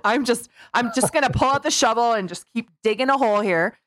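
A woman's voice: fairly high pitch, brisk, fairly bright tone, no room sound. A woman hosting a podcast, chatting in a giggly, rambling way. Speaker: podcast host. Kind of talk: casual comedic chat.

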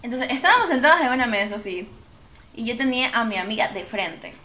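Speaking quickly in a fairly high voice, this podcast co-host shares a personal story in a casual chat. She animatedly performs the quoted dialogue of each person involved, over a slightly dull recording with faint background noise.

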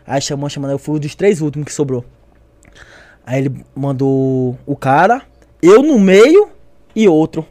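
A young man telling a story in casual chat, animated and acting out the voices of others. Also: medium pitch, normal speed, no room sound. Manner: animated, acts out voices, lots of slang.

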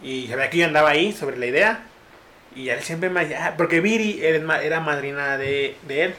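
A young podcast host tells a story in casual chat packed with slang, animatedly acting out quotes in raised voices. His voice is on the high side and fairly quick, and the audio carries a little hiss or hum.

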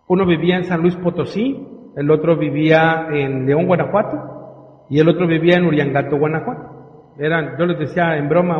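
A man giving an emotional storytelling speech to an audience at a business event, acting out dialogue with dramatic pauses. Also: on the high side. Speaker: motivational speaker at a business event. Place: large hall with a live audience. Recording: echoey hall, dull sound.

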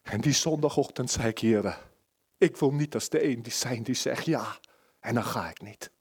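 A man preaching a sermon at a church service, impassioned, moving between loud pleading and hushed near-whispers. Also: medium pitch, normal speed, husky.

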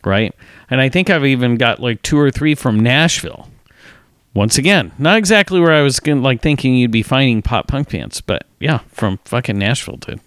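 A man co-hosting a casual podcast chat, relaxed and swearing freely. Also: medium pitch, normal speed, no room sound, clean studio sound. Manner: relaxed, swears casually, says "you know" a lot. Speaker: podcast co-host.

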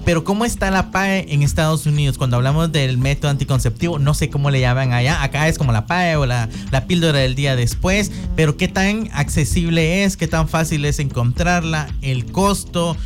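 A woman hosting an educational radio talk, often pausing to search for words. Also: low voice, music in the background. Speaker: radio host.

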